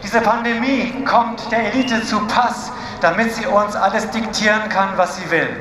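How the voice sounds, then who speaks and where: High-voiced male interpreter at a rally. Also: steady tone, normal speed. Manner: translating phrase by phrase, occasionally restarting words. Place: outdoor street demonstration. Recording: echoey outdoor loudspeaker sound with crowd noise.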